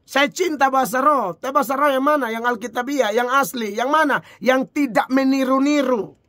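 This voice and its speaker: High-voiced preacher. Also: male voice, moderate pace, no echo, clean studio sound. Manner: rhetorical questions, chuckling, lively. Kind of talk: informal sermon.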